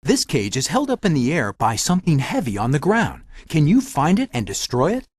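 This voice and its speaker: Magic Mirror, wildly animated guide. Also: male voice, fairly high pitch, brisk, husky, dry recording, studio quality, exaggerated voice. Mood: helpful, instructive. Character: helpful male magic mirror, theatrical fairy-tale guide. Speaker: game character giving tutorial hints. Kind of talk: scripted video game hint narration.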